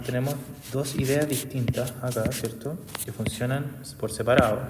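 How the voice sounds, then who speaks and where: Teacher in an echoey room. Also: male voice, mid-range voice, noisy background. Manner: constant tag questions, patient explaining. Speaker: English teacher. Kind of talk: explanatory class recap video.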